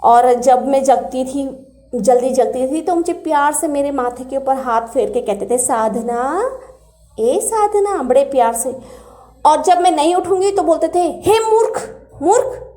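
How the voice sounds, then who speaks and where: High-voiced earnest woman telling a devotional story. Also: normal speed. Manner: earnest and animated, acts out quoted words. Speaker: devotee sharing spiritual experiences. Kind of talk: personal storytelling. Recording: echoey room.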